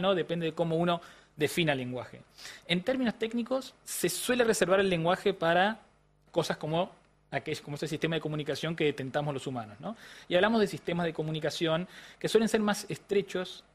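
A man with an Argentine accent answering interview questions as a language researcher, explaining in a didactic way and often checking in with the listener. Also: on the high side. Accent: Argentine Spanish. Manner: frequent restarts and hesitations. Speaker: language neuroscientist guest.

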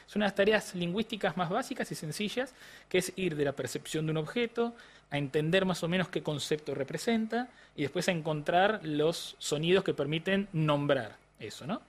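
A man's voice: fairly high pitch, lively intonation, a little fast. A man with an Argentine accent answering interview questions as a language researcher, explaining in a didactic way and often checking in with the listener. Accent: Argentine Spanish. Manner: frequent restarts and hesitations. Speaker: language neuroscientist guest.

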